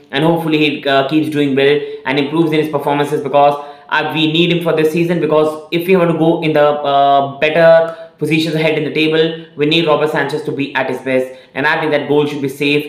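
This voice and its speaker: A man's voice: a little high, roomy sound. A young man hosting his football channel, giving opinionated fan analysis to the camera from a small room, with many fillers and restarts. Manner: opinionated, earnest, repeats phrases with many "again" and "uh" fillers.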